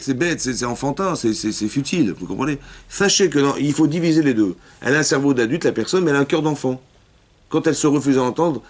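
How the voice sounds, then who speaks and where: Fast-talking rabbi giving a lesson. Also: male voice, medium pitch. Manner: rapid, repetitive, often checks if listeners understood; acts out dialogues within his explanations. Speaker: rabbi teaching a class. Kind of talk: Torah lesson for women.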